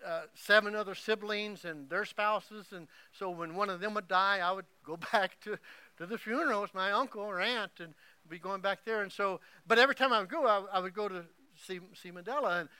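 A middle-aged man from Oklahoma preaching a sermon, telling an emotional story that swings from hushed to loud. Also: high voice, brisk, clear, resonant tone, no room sound. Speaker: pastor.

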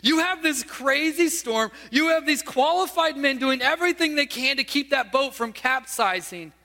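A man's voice: very high-pitched, lively intonation, normal speed, bright, forceful tone, long reverb tail. A male pastor preaching a sermon, telling a story and asking his listeners questions.

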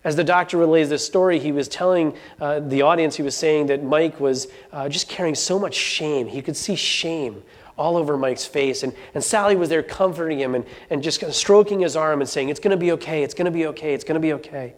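A man with a somewhat high voice tells a story to an audience. He is earnest and often stumbles, restarting phrases and repeating words as he goes. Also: moderate pace. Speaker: speaker. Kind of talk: storytelling talk.

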